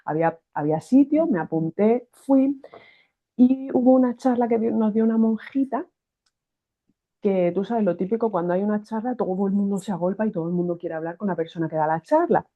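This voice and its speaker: A woman with a Spanish accent from Spain tells her faith testimony with energy, often breaking off and restarting her sentences. Her voice sits at a medium pitch and comes through thin and tinny, like a phone line. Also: a little fast. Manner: animated, restarts phrases, acts out quoted voices. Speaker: guest giving a faith testimony. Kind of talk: personal testimony storytelling.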